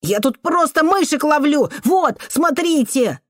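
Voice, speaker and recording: A woman's voice: expressive, slow, darkish tone, dry recording, clean studio sound. A woman voicing a frightened boy of about nine who whimpers and pleads in tears. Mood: crying, pleading. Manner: sobbing, shrill pleading.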